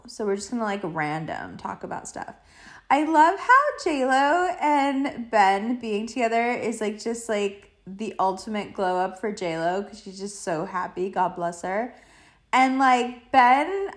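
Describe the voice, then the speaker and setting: A woman hosting a podcast alone, chatting casually and loosely with playful slang, swearing and drawn-out emphasis. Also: fairly high pitch. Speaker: podcast host. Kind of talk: casual rambling solo chat.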